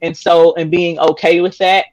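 A woman's voice: on the low side, flat delivery, normal speed, dry recording, highs cut off. A woman in her thirties, a podcast guest telling her story candidly, rambling with many fillers and restarts and laughing often. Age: 30s.

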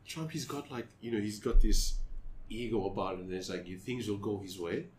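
A young man in casual chat, talking haltingly and leaning on filler phrases. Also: on the low side, a little hiss or hum. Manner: halting, repeats fillers a lot.

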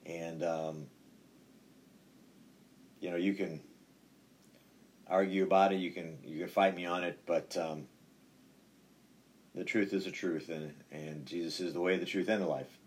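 A male pastor giving an informal devotional talk in a halting, conversational way, often repeating his phrases. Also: deep voice, darkish tone. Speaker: pastor recording a podcast. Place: indoors, inside a metal church building.

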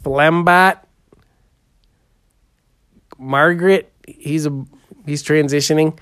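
A man's voice: a little high, fairly even intonation, takes it slowly, a bit bright, clear, resonant tone, no echo, clean studio sound. A man playing a goofy, heavyset portrait painter in an improvised comedy interview, drawling and rambling with lots of "uh" and "there".

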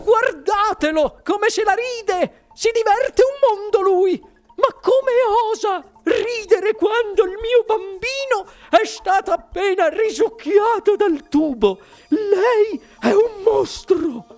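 A man puts on a panicked, shrill mother with a piercing, very high voice that stretches every word into a slow wail. She shrieks and scolds without pause in a storybook reading, with soft music underneath. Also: animated, exaggerated voice. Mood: furious. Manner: shrieking, frantic, drawn-out wails. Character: shrill hysterical plump mother, middle-aged woman. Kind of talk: audiobook character voice.

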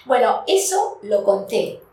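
A woman with a Rioplatense Argentine accent, a food business owner telling stories as a podcast guest, animated and quick to laugh. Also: a little high, echoey room, far from the mic, rough recording. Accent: Rioplatense Argentine Spanish. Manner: animated storyteller, laughs often. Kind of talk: casual podcast interview.

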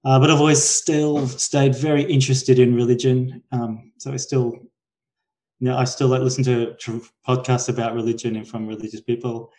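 Mellow Queensland Australian man, hesitant talker. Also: medium pitch, little pitch movement, normal speed, poor audio. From Brisbane, Australia. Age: 40s. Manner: hesitant, frequent self-corrections and trailing thoughts. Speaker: podcast guest. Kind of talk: casual conversational interview.

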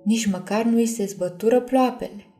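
A woman reads a storybook aloud in a calm, measured tone. Her voice is mellow and warm, and soft background music plays underneath. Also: on the high side. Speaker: audiobook narrator. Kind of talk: storybook narration.

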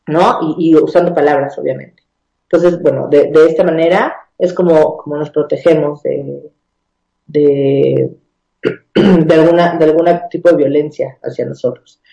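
A Mexican woman talks through a topic in a relaxed, explanatory way. Her voice is mellow and dark, and the room adds a noticeable echo. She restarts phrases often and checks in with little tag questions. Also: fairly low pitch. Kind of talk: casual conversational explanation.

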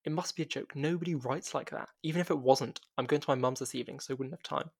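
A man's voice: medium pitch, quick pace, vocal fry, husky. A man voicing a young woman who has just lost her job, speaking in a tired, subdued way close to his own voice. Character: weary young woman, recently fired investigator.

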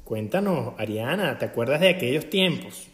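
A man's voice: medium pitch, lively intonation, moderate pace, reverberant. A man from Venezuela hosting a casual podcast chat, jovial and playful with a self-mocking streak. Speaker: podcast host.

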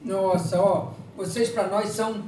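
A man hosting a live talk show, jovial and chatty, giving sponsor shout-outs. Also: high-pitched, fairly even intonation, a little slow, echoey room, far from the mic, slight background noise. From Brazil. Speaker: host.

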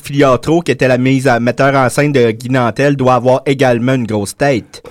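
A man, a co-host asking deadpan joking questions. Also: mid-range voice, normal speed, no room sound, clean studio sound.

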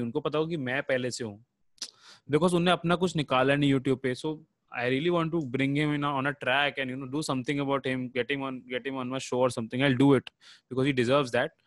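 A man from Lucknow with an Indian accent, chatting casually as a rapper guest in an interview, switching between Hindi and English mid-sentence in slangy storytelling. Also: mid-range voice.

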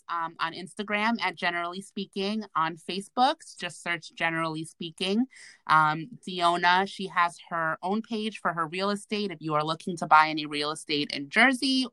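A woman hosting a casual podcast, talking in an animated, slangy, profane way, recorded remotely from a bathroom. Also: fairly low pitch, smooth, no echo, low-quality recording. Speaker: podcast host. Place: bathroom, at home.

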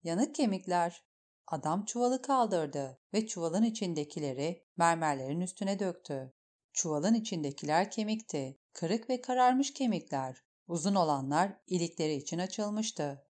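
Mellow, low-voiced woman narrating. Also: expressive, normal speed. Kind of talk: audiobook reading.

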